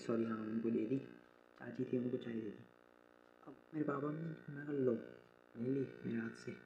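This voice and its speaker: A man's voice: medium pitch, vocal fry. A young man venting in a personal vlog, frustrated and hurt, talking through his troubles with lots of fillers and restarts. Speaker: vlogger. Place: rural home with farm. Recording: slightly dull lo-fi audio with faint ambient noise.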